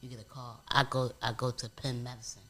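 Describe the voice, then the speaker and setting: A man appears as a guest in a relaxed couch interview, spinning stories animatedly and peppering them with street slang. His voice sits at a medium pitch and moves briskly.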